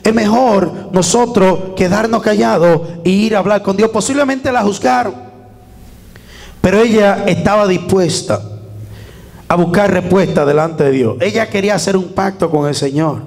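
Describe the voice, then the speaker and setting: A man's voice: high voice, normal speed, a little mellow, big-room sound. A man preaching a sermon as pastor, fervent, with call-and-response to the congregation, recorded in a church.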